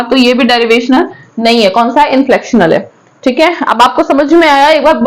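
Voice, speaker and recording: High-pitched woman teacher with a Hindi accent, patient quizzing style for an online grammar lesson. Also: low-quality recording. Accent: Hindi-accented English. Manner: asks questions and answers them herself.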